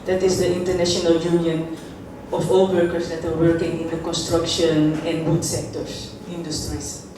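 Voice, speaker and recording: A union board member giving an animated, jokey speech to graduates at a ceremony. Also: medium pitch, normal speed. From Netherlands. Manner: animated, jokey, leads call-and-response chants. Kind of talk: lively public speech to graduates. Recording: echoey hall, voice from far off, noisy room.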